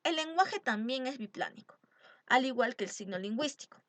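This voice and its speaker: A woman's voice: high voice, lively intonation, fairly quick, dry recording. A woman teacher giving an exam-prep lecture, stressing key terms and asking rhetorical questions. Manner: emphatic, asks rhetorical questions.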